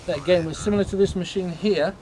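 Halting male ghost tour guide, noisy recording. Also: high voice. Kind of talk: informal explanatory talk to a tour group. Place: on a night walking tour, in the dark. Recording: noisy outdoor night recording.

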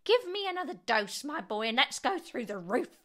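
A woman voicing a bossy, exultant old grandmother in a storybook, shouting and whooping in a screechy voice. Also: high-pitched, big pitch swings, moderate pace, voice pushed up, heavily acted. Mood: gleeful shouting.

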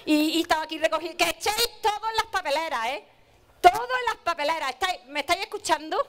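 Woman playing a fussy, very high-voiced cleaning lady. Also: expressive, fast talker, a bit bright. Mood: bossy. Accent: Andalusian Spanish. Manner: bossy, fussing, repeats herself. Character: fussy, chatty female park cleaner. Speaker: stage actor. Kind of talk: live comic stage acting. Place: outdoor garden stage.

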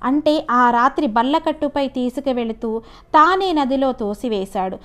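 Andhra Telugu woman, fairly high voice, story-reading lecturer. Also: normal speed, a bit bright. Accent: Telugu regional (Andhra).

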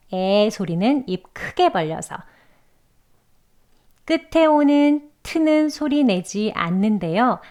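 A woman with a Korean accent, teaching English pronunciation patiently, slowly sounding out words and repeating them for practice. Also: fairly high pitch. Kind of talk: slow instructional explanation.

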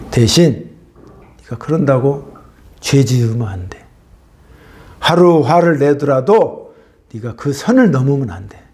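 A male pastor preaching a sermon, swinging between loud emphatic bursts and hushed whispers. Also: medium pitch.

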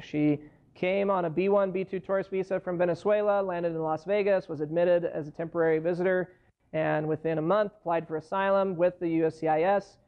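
An immigration lawyer in his thirties stands at a lectern in a university lecture hall, delivering a conversational lecture built around worked case examples. His voice is high, creaky, and smooth, picked up by a distant camera in a dull, lo-fi classroom recording.

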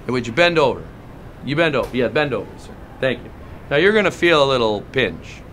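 A pushy airport security guard who grills travelers with heavy sarcasm and a mock-official tone, as a male comedian plays him. His voice sits at an ordinary middle pitch for a man and sounds like everyday speech. He talks in a leering, interrogating comic style. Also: very animated, brisk, fairly bright tone, a little hiss or hum. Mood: sarcastic. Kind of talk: comedic character monologue.

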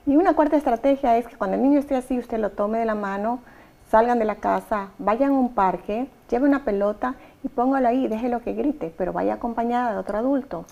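A woman's voice: fairly high pitch, a little fast, creaky, dark tone, lo-fi sound. A woman hosting an advice talk show, giving emphatic, direct instructions to mothers. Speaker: talk show host and therapist.

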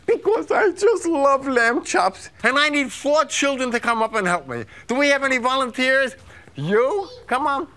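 A man's voice: very high voice, pushed and bright, exaggerated voice. A man playing a big, silly, happy-go-lucky wolf on a children's stage, talking playfully to the kids. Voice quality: playful, jumps into animal sounds. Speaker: live stage performer. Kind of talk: live children's theater. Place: stage before a child audience.

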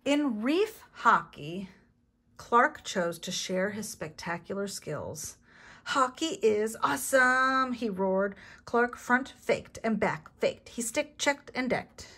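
A woman teacher reading a picture book aloud to children, animated and asking her listeners questions. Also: medium pitch, slow pace, husky.

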